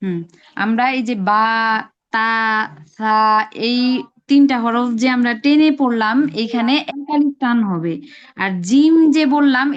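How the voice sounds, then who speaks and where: A woman with a high voice leads an online lesson, explaining patiently step by step. She stretches each sound she demonstrates. The call audio is dull and lo-fi. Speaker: Arabic pronunciation teacher. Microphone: video call.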